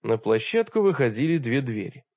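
Male audiobook reader, steady storytelling, muffled and dry. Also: medium pitch, moderate pace, gravelly, no echo. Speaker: audiobook narrator. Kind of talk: scripted narration. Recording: dull dry recording.

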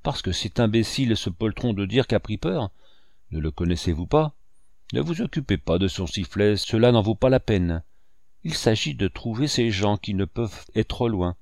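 A man's voice: on the low side, lively intonation, normal speed, creaky, darkish tone, no room sound, studio quality. A man voicing a vicious blind old male pirate who snarls and barks orders at his gang. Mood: raging.

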